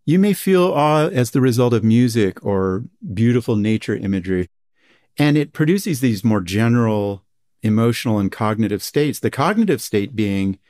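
A man's voice: mid-range voice, lively intonation, normal speed, a little mellow. A man, a psychologist guest on a podcast, explaining research enthusiastically in a conversational way. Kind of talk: conversational interview.

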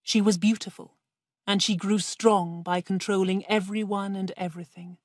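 A woman reading the part of a grown son in a storybook, speaking quietly and in a subdued way. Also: medium pitch, steady tone, normal speed, no echo, clean studio sound, close to an everyday voice.

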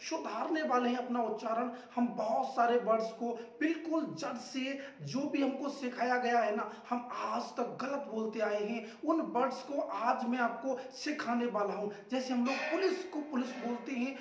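High-voiced male pronunciation teacher, energetic, repeats words loudly, very echoey room, mic far off. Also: moderate pace, few pauses. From India. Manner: drills words loudly and repeats them, urging viewers to say them along. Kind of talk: energetic classroom lesson.

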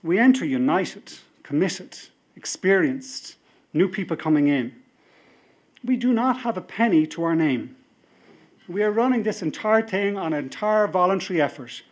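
A middle-aged Irish man, slightly high-voiced, delivers a convention speech into a podium microphone. He builds toward emphatic, rousing appeals. The hall is large and full. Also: lively intonation, normal speed, muffled recording. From Ireland. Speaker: party leader. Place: large hall with a seated audience, indoors.

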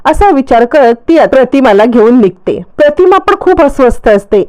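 A woman narrating a casual, lively recap of a television serial's plot. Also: high voice, normal speed.

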